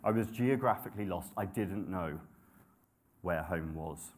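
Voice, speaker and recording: With a low-sitting voice and measured pace, a young adult preacher gives a chatty, self-mocking sermon, often saying um and starting over. He grew up in Nepal and the UK.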